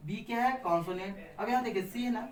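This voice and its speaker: A man's voice: sits high, a little fast, slight background noise. A man teaching a basic grammar lesson to camera, asking and answering his own questions with frequent tags. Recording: echoey room, far from the mic.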